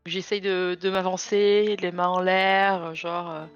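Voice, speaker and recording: A woman's voice: on the low side, level tone, slow, smooth, muffled recording, faint music behind. A woman playing a tabletop role-playing game, moving between casual chat and improvised speech as her character.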